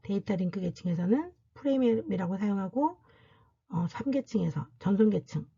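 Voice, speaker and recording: A woman's voice: medium pitch, animated, normal speed, creaky, warm tone, husky, highs cut off. A woman university lecturer giving a recorded classroom lecture, explaining step by step and asking and answering her own questions.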